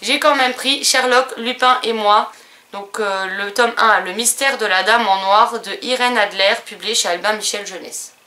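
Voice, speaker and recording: Bright-voiced French woman chatting. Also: medium pitch, normal speed. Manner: chatty, hesitant with many fillers. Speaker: book and stationery vlogger. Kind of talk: casual haul video chat.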